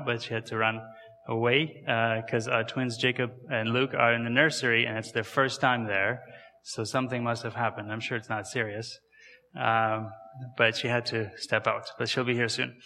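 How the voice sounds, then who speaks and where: Guy in his 30s with a kazakh accent preaching at church, bright tense voice, long echo in the hall. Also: medium pitch, little pitch movement, normal speed. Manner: conversational, asks the audience questions. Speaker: guest missionary speaker. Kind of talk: church sermon.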